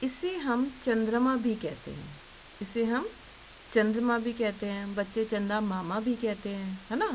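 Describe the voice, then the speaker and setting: A woman's voice: on the high side, measured pace, rough recording. A woman teaching an online lesson to young children, asking simple questions and answering them herself in a patient way. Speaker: primary school teacher. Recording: faint hiss.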